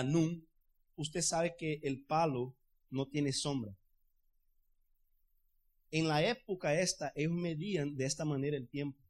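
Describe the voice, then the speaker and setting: A man preaching a sermon in a fervent, loose, conversational way, often asking his listeners to agree. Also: on the high side. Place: church in the United States.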